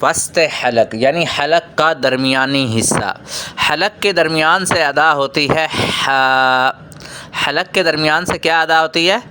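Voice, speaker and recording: Bright, clear-voiced male Quran teacher. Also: a little high. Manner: patient, repeats each point and quizzes the children. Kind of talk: children's Quran reading lesson.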